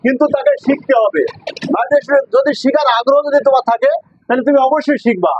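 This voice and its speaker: High-voiced man teaching English. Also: quick pace, highs cut off, a little hiss or hum. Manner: drills class with call-and-response questions; mixes English and Bengali. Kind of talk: classroom lesson.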